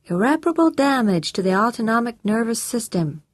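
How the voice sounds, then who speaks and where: A woman voicing a young man on the phone faking a dead man's voice, in an overdone, giggly falsetto. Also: lively intonation, brisk, no room sound. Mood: menacing. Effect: phone line.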